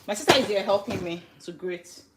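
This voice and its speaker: Heavy background noise and a roomy echo surround this Nigerian woman as she cooks in her kitchen during a livestream. Greeting viewers by name, she chats in a mid-range voice at a fairly quick clip.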